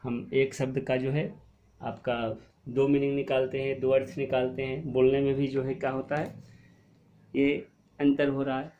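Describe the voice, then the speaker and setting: A male teacher explaining a Hindi spelling lesson to young pupils, asking questions and answering them himself, and drawing out words slowly to show how they sound. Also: mid-range voice, level tone, mellow, dull audio. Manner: explains patiently, asks and answers his own questions; stretches and stresses words to show pronunciation. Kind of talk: online class lesson.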